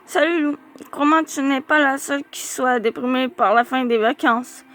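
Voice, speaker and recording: A woman reading a diary-style youth novel aloud, with lively, expressive storytelling and small slips. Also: high voice, normal speed.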